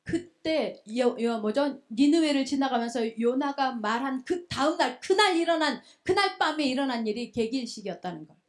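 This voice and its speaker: A woman preacher telling a scripture story to young adults, lively and full of rhetorical questions, in a church. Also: sits high, normal speed, few pauses. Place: church hall.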